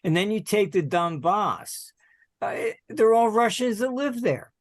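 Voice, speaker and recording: An older American man being interviewed as a guest, who talks in a halting, digressive way and often clears his throat. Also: high-pitched, lively intonation, dry recording. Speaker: guest, market analyst. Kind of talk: conversational interview.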